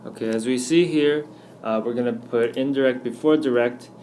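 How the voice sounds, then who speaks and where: A man teaching a recorded grammar lesson, walking through slide examples patiently and slowing down to spell out each one. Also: medium pitch, darkish tone, a little hiss or hum. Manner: patient, explanatory, slows down on examples. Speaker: Spanish teacher.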